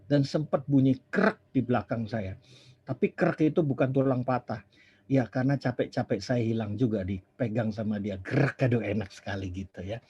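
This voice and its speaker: Husky preacher telling a story. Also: male voice, mid-range voice, normal speed. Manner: chatty, animated, acts out dialogue, drops English phrases. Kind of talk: storytelling sermon. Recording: dull lo-fi sermon recording.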